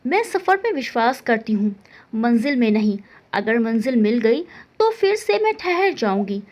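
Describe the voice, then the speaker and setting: A woman voicing a dreamy, carefree young woman in love, speaking softly and wistfully. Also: on the high side, sing-song, a little slow.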